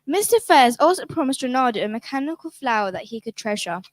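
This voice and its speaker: A woman narrating a children's story in a clear, measured way. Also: high-pitched, very animated, no echo, rough recording.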